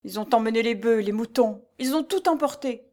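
A frightened young peasant girl who stammers and begs in a high, soft voice, as a woman reads her. She speaks in a tearful, imploring tone. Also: brisk, lightly acted. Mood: tearful pleading. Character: pale, trembling young peasant girl, pleading. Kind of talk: storybook reading.

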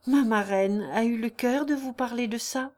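A woman's voice: a little high, normal speed, darkish tone, close to an everyday voice. A woman voicing a candid young country girl who protests her innocence sincerely in a read-aloud novel. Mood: sincere, aggrieved.

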